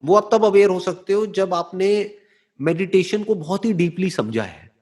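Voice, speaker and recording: A man giving a slow, deliberate motivational talk, often checking in with rhetorical questions and slipping into English phrases. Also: high-pitched, a little mellow. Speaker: motivational speaker. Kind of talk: explanatory talk answering a listener.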